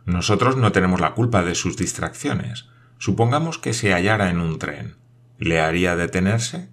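A grave, unflappable old major, voiced by a man in an audiobook, speaks with dry seriousness. His voice is low and deep. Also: moderate pace.

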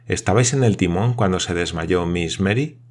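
A man voicing a calm, patient nobleman in an audiobook, asking measured questions. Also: low-pitched. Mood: calm grave.

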